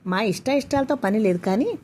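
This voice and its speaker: A woman's voice: a little high, expressive, a little fast, darkish tone, slight background noise, close to an everyday voice. A woman voicing a tearful middle-aged mother who pleads and falters as she speaks in a spoken story. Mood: pleading.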